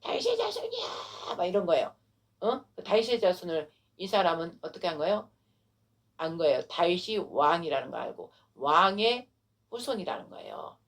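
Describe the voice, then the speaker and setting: Animated low-voiced woman pastor preaching. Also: moderate pace. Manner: animated storytelling with rhetorical questions. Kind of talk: sermon.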